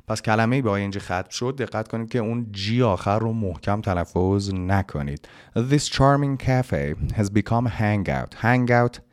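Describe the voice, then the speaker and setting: A man with a very low, deep voice gives an English lesson. He explains pronunciation patiently and drawls each English phrase slowly so learners can copy it. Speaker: English teacher.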